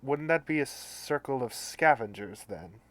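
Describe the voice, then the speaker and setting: A man's voice: mid-range voice, animated, a little slow, fairly bright tone. A man playing a tabletop game, making wry, dry remarks in casual chat. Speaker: player.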